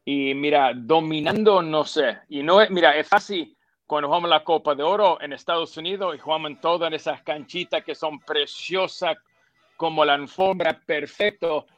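Man, football pundit, fillers, emphatic, slightly high voice, dry studio sound. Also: moderate pace, a bit bright, no room sound, dull audio. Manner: emphatic, repeats points, mixes English fillers like "so" and "yeah". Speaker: football pundit, former player. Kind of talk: studio sports panel discussion.

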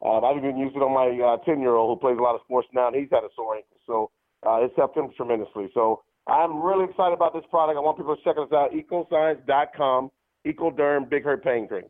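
A man in his fifties speaks as a radio guest over a tinny phone line. He talks fast at a middling pitch, eager and full of fillers. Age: 50s. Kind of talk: phone-in interview.

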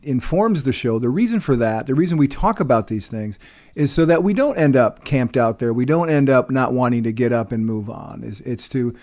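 A man's voice: medium pitch, normal speed. A man hosting a podcast, talking directly to the listener and reading out a guest's bio. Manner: steady, addresses the listener directly. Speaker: podcast host.

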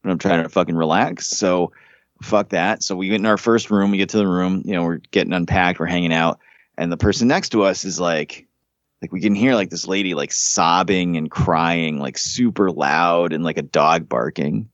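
A man telling a long, profanity-laced story in casual chat, animated and fed up. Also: sits low, normal speed, dry recording, muffled recording.

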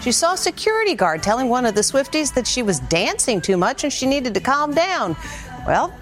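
A woman's voice: high-pitched, big pitch swings, fairly quick, soft background music. An American woman anchoring a TV news magazine, presenting scripted stories.

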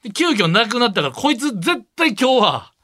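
High, lively Kansai comedian. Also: male voice, fairly quick. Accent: Kansai Japanese. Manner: sharp, teasing comic retorts. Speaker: comedy duo radio host. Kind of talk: comic banter on a radio podcast. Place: radio studio.

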